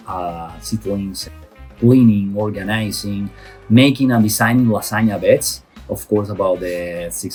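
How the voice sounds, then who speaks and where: A man from Colombia giving a testimonial in a halting way, with many pauses and fillers. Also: lowish voice, darkish tone. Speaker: program participant.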